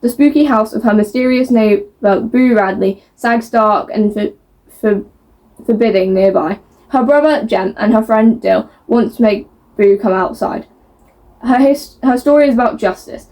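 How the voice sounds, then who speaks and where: A woman with a fairly high voice talks casually to her viewers as a book vlogger. She reads blurbs aloud, stumbles over words and laughs at herself as she goes. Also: measured pace, a little mellow. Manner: chatty, self-mocking, stumbles over words.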